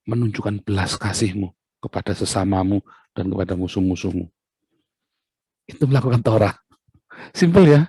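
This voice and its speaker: Husky low-voiced male preacher. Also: normal speed, long pauses, mellow, dry recording. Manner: conversational, with asides and rhetorical questions. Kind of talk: sermon.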